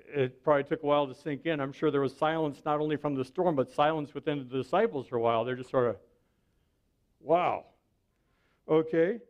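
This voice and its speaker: A man's voice: a little high, muffled recording. Man preaching a conversational sermon. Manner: conversational preaching, often asks the listener "right?". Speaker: pastor.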